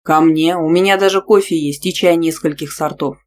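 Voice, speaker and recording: Gruff, pushy young dragon man voiced by the audiobook reader, growls his lines, stubborn and demanding. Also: a little high, fairly even intonation, normal speed, a little hiss or hum, lightly acted. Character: brash young male dragon shifter, pushy teacher. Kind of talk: audiobook character voice.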